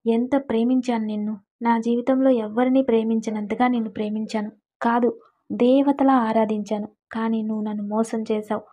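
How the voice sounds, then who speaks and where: A woman's voice: on the high side, fairly even intonation, normal speed, natural voice. A woman voicing a bitter, jilted young man in a storybook romance, talking in a threatening way, on a dull lo-fi recording.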